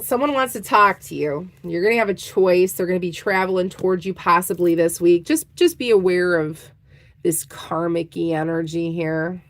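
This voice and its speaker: A woman giving a casual tarot reading, chatting straight to her viewers and laughing easily. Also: lowish voice. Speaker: tarot reader.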